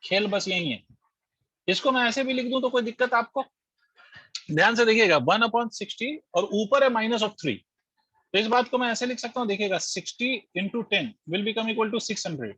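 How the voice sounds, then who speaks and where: Man teaching physics online, high voice, explains step by step, quizzes students, dry dull lo-fi audio. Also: expressive, moderate pace, pushed and bright, slightly rough, no echo. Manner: explains step by step, quizzes students, mixes English terms into Hindi. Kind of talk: online class lecture.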